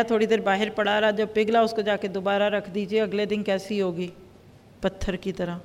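A woman teaching a Quran lesson, lively and acting out everyday dialogues as examples. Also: medium pitch, big-room sound. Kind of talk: religious lecture.

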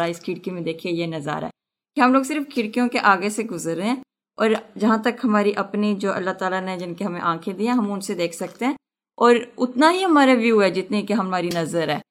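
Earnest woman student sharing a reflection. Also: medium pitch. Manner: earnest, explains with a homely comparison. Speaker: student in the class.

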